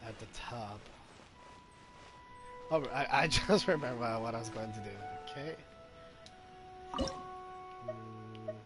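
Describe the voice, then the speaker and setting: A game streamer offers casual live gameplay commentary over game music, hesitant and thinking aloud as he plays. His voice is on the low side, and he speaks slowly with long pauses.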